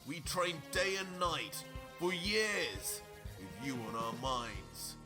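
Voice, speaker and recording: A man's voice: fairly high pitch, big pitch swings, slow pace. A man voicing an earnest young male warrior pleading with his old teacher in a fan-made story video, with music behind. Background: background music from the played video.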